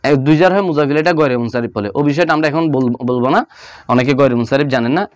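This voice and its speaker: A man teaching Arabic grammar, going over on-screen notes and repeating each example slowly with fillers. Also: medium pitch, clean tone, dry recording. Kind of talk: explaining on-screen notes in a lesson.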